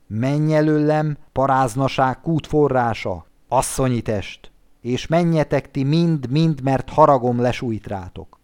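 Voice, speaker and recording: A man's voice: mid-range voice, a little mellow, clean tone, natural voice. A man voicing a ringing, commanding golden knight. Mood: wrathful. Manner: solemn, proclaiming, stern. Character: radiant knight in golden armor, commanding and wrathful.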